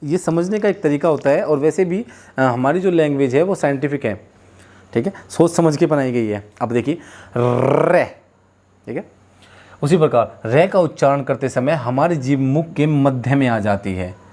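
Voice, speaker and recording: A man's voice: medium pitch, moderate pace, a little mellow. A man teaching a Hindi lesson, repeating sounds and explanations and asking students to say them with him. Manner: repetitive, drills sounds aloud for students; addresses viewers as children and friends. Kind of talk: classroom lesson on pronunciation.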